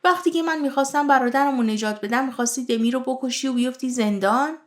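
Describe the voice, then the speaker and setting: A woman's voice: high-pitched, lightly acted. A woman voicing a resolute young wife, firm and dismissive.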